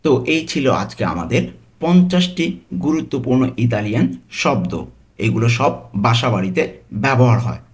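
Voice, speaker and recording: A man with a Bangladeshi Bengali accent teaching a vocabulary lesson, slowly saying each word and repeating it with its meaning. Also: medium pitch. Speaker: language teacher.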